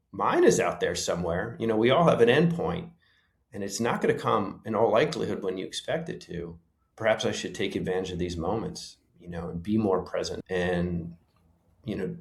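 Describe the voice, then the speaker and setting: A man's voice: lowish voice, creaky. A man, a former paramedic, thoughtfully telling stories from his career in an interview, often restarting with "you know". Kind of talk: reflective storytelling in an interview. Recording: roomy echo.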